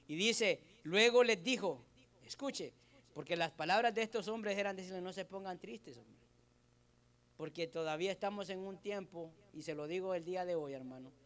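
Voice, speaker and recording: A man, a pastor preaching a sermon to his congregation, asking them questions and swinging between loud and soft delivery. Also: on the high side. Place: church service.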